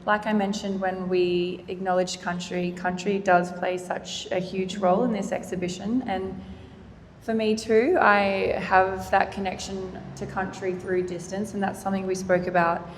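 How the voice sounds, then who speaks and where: A woman's voice: mid-range voice, level tone. Australian woman moderating in an echoey hall. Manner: earnest, measured, formal. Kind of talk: public panel conversation. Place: gallery event space. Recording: roomy hall reverb, faint noise.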